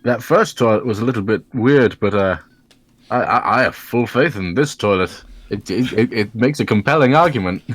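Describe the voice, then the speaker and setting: A man playing a gullible, trusting adventurer in a tabletop game, with halting, folksy, repetitive speech. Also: fairly low pitch, no echo, close to an everyday voice. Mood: earnest trust. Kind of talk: improvised tabletop role-play.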